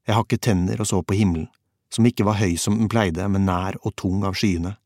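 A man reading a first-person audiobook narration in a measured, calm way. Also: low voice, no room sound, studio quality.

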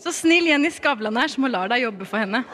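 A woman's voice: high-pitched, lively intonation, sharp tone, slight background noise. A Norwegian woman co-hosting a podcast, tossing out teasing quips and roasting herself. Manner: quick teasing quips, giggles through jokes. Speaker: podcast co-host. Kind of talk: casual chat, comic self-roast.

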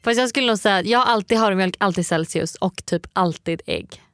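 A young woman chatting casually with a friend, telling lively stories and acting out what people said. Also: medium pitch, clean tone, soft background music. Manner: lively storyteller, acts out quotes with "jag bara". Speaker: podcast co-host. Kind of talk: casual chat between friends.

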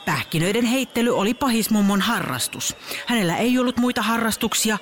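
A woman narrating a children's story in an expressive storybook manner. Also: fairly high pitch, faint music behind.

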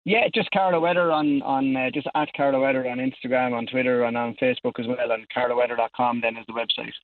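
A man's voice: mid-range voice, steady tone, quick pace. An Irish man explaining things casually as a guest in a radio interview. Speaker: amateur weather forecaster, radio interview guest. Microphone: telephone. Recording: narrow, tinny phone line.

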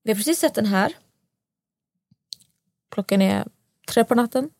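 Young podcast host, higher voice, dry booth sound, animated storyteller. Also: female voice, vocal fry, no echo. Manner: animated storytelling, acting out quotes. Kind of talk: casual podcast chat.

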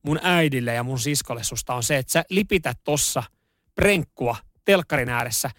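A man's voice: mid-range voice, a bit bright, no echo, clean studio sound. A man co-hosting a radio show, telling stories in casual chat with lots of fillers and laughter. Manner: chatty, laughing storyteller with many fillers. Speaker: radio co-host.

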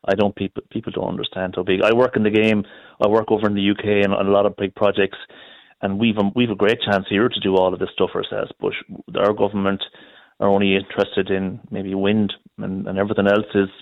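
A man's voice: lowish voice, level tone, fairly quick, no echo. A middle-aged man with a west of Ireland accent, talking informally and emphatically as a caller to a radio phone-in, often repeating himself. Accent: west of Ireland, Galway. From Galway, west of Ireland. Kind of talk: informal opinionated talk. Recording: dull, dry lo-fi call audio.

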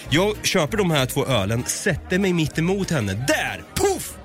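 Male podcast co-host, lively storyteller, acts out the people in his story, mid pitch, music faint behind. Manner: animated, acts out both sides of the story. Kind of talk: casual storytelling chat.

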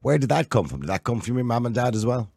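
A man's voice: mid-range voice, big pitch swings, gravelly, darkish tone, slightly rough, dry recording. Irish male host, teasing and chatty, dry studio voice. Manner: chatty, teasing, quick questions. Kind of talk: casual radio-style interview.

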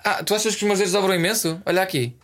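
A man chatting casually, haltingly, often repeating his phrases. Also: high-pitched, fairly even intonation, fairly bright tone. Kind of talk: casual chat.

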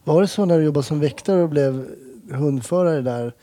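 A man from Sweden interviewing a guest, calmly prompting her with questions and short backchannels. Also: a little high, no room sound. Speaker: interviewer, former police school teacher. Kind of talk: casual conversational interview.

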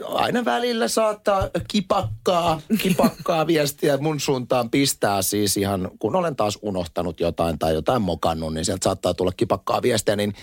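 A man's voice: on the low side, dry recording, studio quality. A man in his thirties hosting a casual chat, joking and reading forum posts aloud. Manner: lively, jokey, reads forum posts aloud. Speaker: podcast host.

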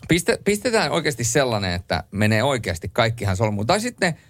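A man co-hosts a late-night radio show from a studio, teasing and praising listeners in a playful way. His pitch moves up and down a lot, and the recording is close and dry. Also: very animated, dry recording. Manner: playful, quizzes listeners, laughs easily. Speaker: radio host. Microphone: studio microphone.

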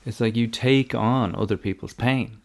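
A man's voice: medium pitch, fairly even intonation, normal speed, creaky. An Irish man chatting casually as a podcast host. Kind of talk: casual chat.

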